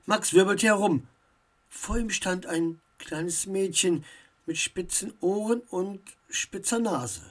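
A woman narrating a children's audiobook in a measured, expressive storytelling manner. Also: mid-range voice.

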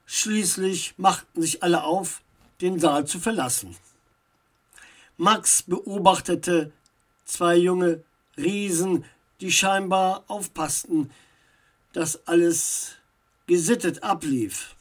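Woman, children's audiobook narrator, slow pace, measured and expressive. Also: fairly low pitch, slightly rough.

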